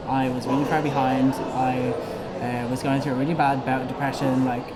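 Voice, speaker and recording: A young man from Ireland, in his twenties with a Dublin accent, answers questions for a student election campaign video in an earnest way with frequent ums. His voice is medium-pitched with little movement and a brisk pace, and heavy background noise joins the music playing under him.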